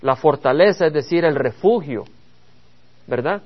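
A man's voice: on the high side, animated, a little slow, dull audio. A man preaching a Bible study sermon, earnest and addressing the congregation with rhetorical questions. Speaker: pastor.

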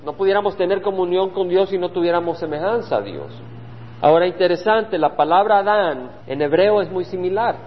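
High-voiced pastor teaching in an echoey hall. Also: male voice, expressive, a little fast. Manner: earnest, repeats key phrases for emphasis. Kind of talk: Bible study sermon. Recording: dull lo-fi sound with hall reverb and faint hum.

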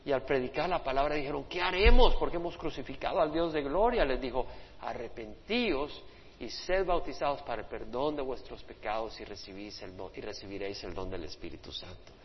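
A man's voice: mid-range voice, animated, brisk, a little hiss or hum. A male pastor giving an impassioned sermon, voicing the people he quotes as he preaches. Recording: dull lo-fi sermon recording in a reverberant hall.

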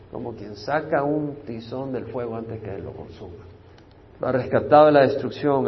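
Male pastor, Bible study sermon. Expressive: loud scripture reading, soft asides. Middle-pitched voice, slightly muffled recording with faint noise. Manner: explains Hebrew words with English glosses.

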